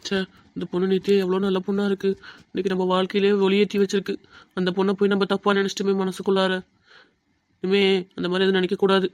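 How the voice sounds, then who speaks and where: A man's voice: sits high, no echo, lightly acted. A man playing a hopeful young film writer. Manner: friendly banter. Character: young men, struggling film hopefuls, hopeful and close friends. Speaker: aspiring screenwriter and friend characters. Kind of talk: web drama dialogue.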